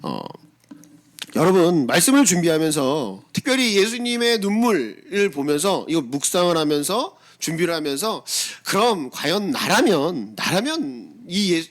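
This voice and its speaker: A middle-aged man, the senior pastor, giving a conversational sermon to his congregation, asking them rhetorical questions and acting out his own blunt replies in quick asides. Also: a little high.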